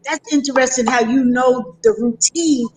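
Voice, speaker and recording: A woman's voice: high voice, normal speed, a little hiss or hum, low-quality recording. A woman teacher co-hosting a school interview, asking a young child questions patiently and praising her answers. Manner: patient, encouraging, praises often. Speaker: teacher co-host. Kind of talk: gentle classroom questioning.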